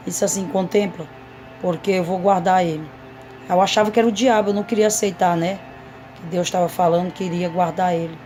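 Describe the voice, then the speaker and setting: Woman missionary, earnest testimony, monotone, faint music behind. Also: lowish voice. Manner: earnest, repetitive storytelling to a congregation. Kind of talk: emotional testimony sermon.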